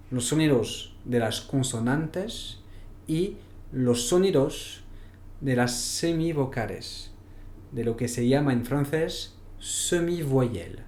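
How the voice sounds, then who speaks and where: A man's voice: mid-range voice, a little mellow, slight background noise. A man with a French accent teaching a pronunciation lesson, spelling out letters one at a time and modeling each sound. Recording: roomy echo.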